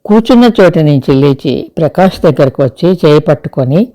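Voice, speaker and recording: Woman, 70s, from India, storyteller, calm measured reading, mellow voice. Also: low voice. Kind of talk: reading an audio story aloud.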